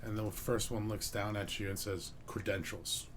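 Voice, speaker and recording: A man's voice: on the low side, level tone, moderate pace, a little hiss or hum. A man narrating as game master of a tabletop role-playing game, describing scenes loosely with many fillers.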